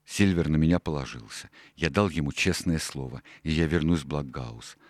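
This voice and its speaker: A man narrating a classic adventure novel in the first person, in a measured, even storytelling manner. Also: very deep voice, no echo, studio quality. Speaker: audiobook narrator.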